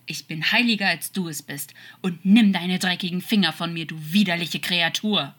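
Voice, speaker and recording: Woman doing a scornful icy angel, contemptuous and hard, bright husky voice, storybook reading. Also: fairly low pitch, normal speed. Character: cold, scornful angel with a flaming sword. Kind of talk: audiobook fan-fiction reading.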